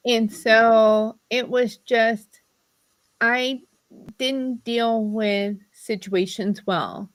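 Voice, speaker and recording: A woman co-hosts an interview, speaking plainly and candidly at a slow, unhurried pace. Her voice sounds dry and close. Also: a little high, steady tone, dry recording. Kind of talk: casual interview chat.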